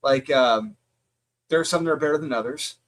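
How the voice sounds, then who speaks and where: A man's voice: medium pitch, fairly quick, a bit bright. A man co-hosting a casual comic review chat, heated and ranting, swearing freely.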